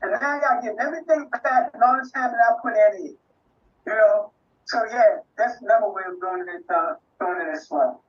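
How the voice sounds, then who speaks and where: A man in his sixties closing a live online class as the instructor, halting and full of fillers and restarts. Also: high voice, dull audio. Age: 60s.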